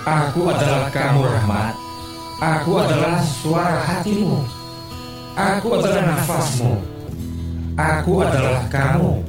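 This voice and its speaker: An actor playing a solemn male spirit of conscience in a radio drama, admonishing slowly. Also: a little high, lively intonation. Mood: solemn pleading. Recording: echoey, under loud music.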